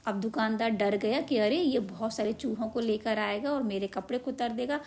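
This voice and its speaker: A woman's voice: a little high, normal speed, darkish tone. A woman teacher retelling a children's story, asking simple questions and answering them herself. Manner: asks and answers own questions, repeats simply. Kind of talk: explaining a children's story lesson.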